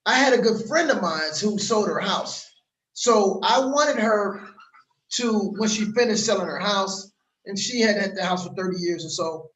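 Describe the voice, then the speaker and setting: A man from Los Angeles with a fairly high voice gives a casual, hard-selling vlog pitch. He repeats himself and talks with a lot of animation, and his voice has an echoey ring to it. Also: a bit bright, a little hiss or hum. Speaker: crypto course promoter. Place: outdoors in a warm place.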